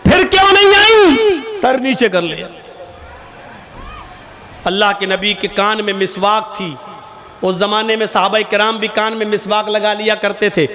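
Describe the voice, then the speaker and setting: A man's voice: sits high, steady tone, measured pace, long pauses, noisy background. A man preaching a sermon, telling stories with emphatic rises and drops. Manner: emphatic storytelling, rising and falling for emphasis. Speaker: Islamic preacher.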